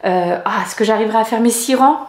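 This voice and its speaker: A woman's voice: on the high side, fast talker. Chatty French woman vlogging, roomy sound. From France. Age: middle-aged. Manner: rambling, many hesitations, frequent soft laughs. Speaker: knitting vlogger. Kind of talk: casual chatty vlog.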